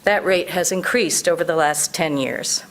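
A woman's voice: fairly low pitch, normal speed. A woman reads a prepared advocacy speech as a public commenter at a council meeting, earnest and emphatic.

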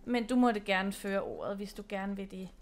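A woman's voice: mid-range voice, faint music behind. A young woman from Denmark giving casual, playful commentary while playing a horse-riding game. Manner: chatty, playful, giggly. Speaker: gaming channel host.

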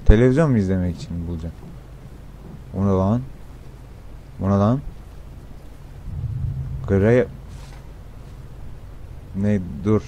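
A young man with a fairly low voice commentates on his gameplay in a loose, swearing style, often bursting into shouts. A faint noise sits behind him. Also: slow, long pauses. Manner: excitable, swears a lot, sudden shouts. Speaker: gameplay streamer.

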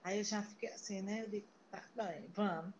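A woman's voice: medium pitch, steady tone, a little fast, a little mellow, slight background noise. A woman from Paraíba, chatting in a video call meeting and telling stories with many restarts. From Paraíba, Brazil. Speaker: meeting participant. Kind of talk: casual chat on a video call. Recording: muffled video call audio.

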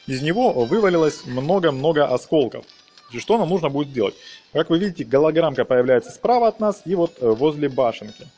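A let's player with a fairly high voice and a dark tone talks viewers through the game fairly quickly and with animation. His casual narration leans heavily on slang and diminutives.

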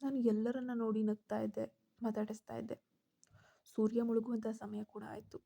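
A woman's voice: a little high, little pitch movement, normal speed, gravelly, warm tone. A woman narrating a first-person story and voicing the characters' lines herself.

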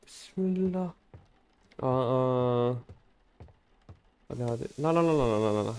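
A man commenting on gameplay casually, playful and joking with bursts of loud exclamation. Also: mid-range voice, animated, moderate pace, clear, resonant tone. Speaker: gaming channel host.

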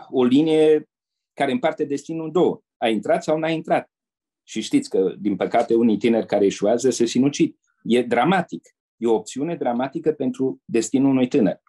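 An older man from Romania speaks in a warm, mellow and slightly husky voice. He tells his memories slowly as a guest in an interview. He often slips into the voices of the people in his stories. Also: medium pitch. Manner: measured storyteller who acts out quoted people. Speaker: guest, retired diplomat. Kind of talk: anecdotal interview storytelling.

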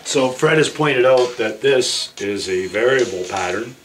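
A man's voice: mid-range voice, expressive, measured pace, fairly bright tone, faint music behind, rough recording. A man hosting a casual studio visit, joking loosely and swearing now and then. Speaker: video host. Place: recording studio.

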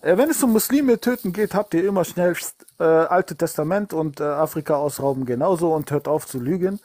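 A man in a heated online religious debate, talking combatively and halting often on fillers. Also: on the high side, darkish tone, no room sound.

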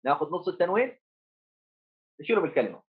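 A man's voice: a little high, very animated, quick pace, narrow, tinny audio. A male primary school teacher giving a remote lesson to children, repeating key points and asking and answering his own questions. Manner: addresses pupils as heroes, coaxing.

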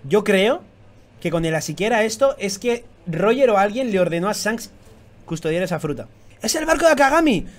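A man doing excited reaction commentary, swearing constantly and bursting into shouts. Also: high voice, normal speed. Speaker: YouTube manga reactor.

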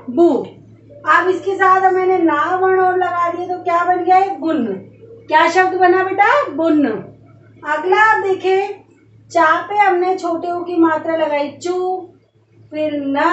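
A woman's voice: very high voice, fairly bright tone, recorded from a distance. A woman teaching young children an online phonics lesson, drawing out syllables and asking them questions again and again. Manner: slow, drawn-out syllables with repeated questions to pupils. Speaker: primary school teacher. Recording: dull roomy sound from off-mic.

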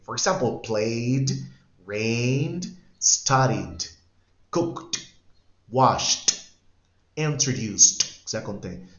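A man teaching an English class, explaining patiently and repeating words emphatically as he switches between two languages. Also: medium pitch. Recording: echoey, dull-sounding room.

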